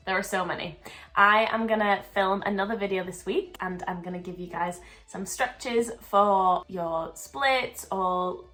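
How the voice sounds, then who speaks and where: A woman's voice: lowish voice, fairly bright tone, low-quality recording. Upbeat chatty woman vlogging. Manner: chatty, upbeat, laughs often. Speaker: dancer and choreographer. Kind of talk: casual Q&A vlog.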